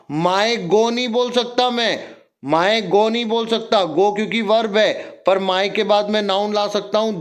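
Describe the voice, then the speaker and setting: A male English grammar teacher, teaching a classroom lesson that drills students with repeated questions and call-and-response. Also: sits high. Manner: slow, spelling out and stressing each word.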